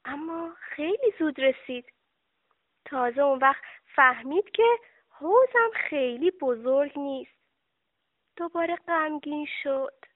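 A woman's voice: high voice, lively intonation, dry recording. A woman narrating a children's story expressively, speaking to children, on a dry, tinny recording. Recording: dry, tinny phone-like sound.

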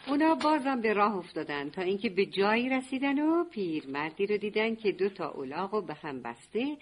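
Husky woman narrator, lively voice, children's story. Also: medium pitch. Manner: warm, affectionate narration.

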